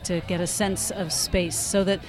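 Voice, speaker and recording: A woman's voice: fairly low pitch, fairly even intonation, normal speed, music in the background, crowd noise. A woman photographer answering interview questions in lyrical, poetic phrases. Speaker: photographer guest.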